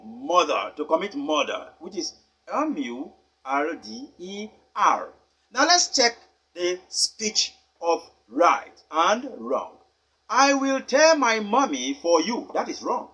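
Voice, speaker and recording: A man teaching a pronunciation lesson, speaking deliberately and emphatically and spelling words out letter by letter. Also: high-pitched, a bit bright, husky. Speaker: English teacher.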